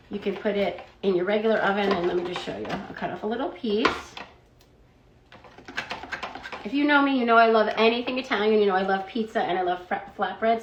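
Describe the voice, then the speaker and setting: A woman talks through a casual product review vlog at a middling pitch, chatty and loose, leaning on "like" and "um" as she goes. Her voice carries a noticeable roomy echo. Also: background noise. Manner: chatty, fillers of "like" and "um".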